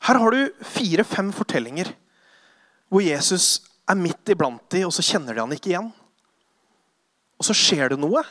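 A man preaching a sermon, retelling Bible stories with lively acted-out voices and sudden hushed passages. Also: high-pitched, pauses often, dry recording, clean studio sound. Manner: animated storytelling, acting out voices, drops to hushed tones.

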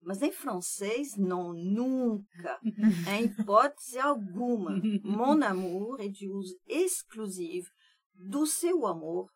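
A woman with a Brazilian Portuguese accent, co-hosting a casual educational podcast and explaining usage calmly. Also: mid-range voice, slow pace, breathy edge. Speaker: podcast co-host.

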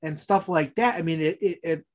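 A man's voice: a little high, normal speed. A man co-hosting a podcast, rambling easily in casual chat. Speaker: podcast co-host.

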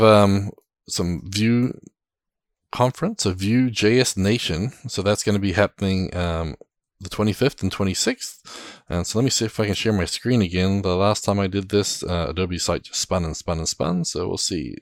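Deep-voiced man hosting a tech podcast. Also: moderate pace, dry recording, clean studio sound. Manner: relaxed, upbeat, segment-leading. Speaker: podcast host. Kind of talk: casual tech podcast chat.

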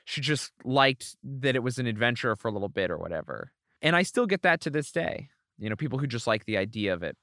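A man's voice: mid-range voice, sing-song, fast, bright, forceful tone, no room sound, clean studio sound. A man speaking as a podcast guest, candid and self-deprecating, talking openly about himself. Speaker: guest, comedian. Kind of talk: casual podcast interview.

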